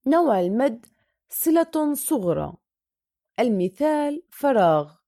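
A woman's voice: a little high, very animated, takes it slowly, dark tone, no room sound, clean studio sound. A woman teacher reading a Quran recitation worksheet aloud, going through each question and answer methodically and drawing out the example words.

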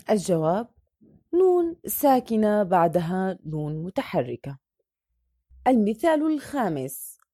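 A woman's voice: medium pitch, dark tone, no room sound, studio quality. A woman teacher reading a Quran recitation worksheet aloud, going through each question and answer methodically and drawing out the example words.

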